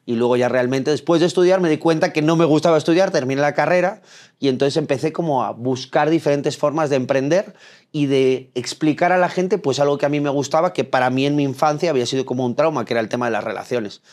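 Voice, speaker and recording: Man, young adult, Madrid Spanish accent, earnest storyteller, fairly high voice. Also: fast, a little mellow. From Spain. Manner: earnest, storytelling, frequent restarts. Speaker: dating coach guest. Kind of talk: interview conversation.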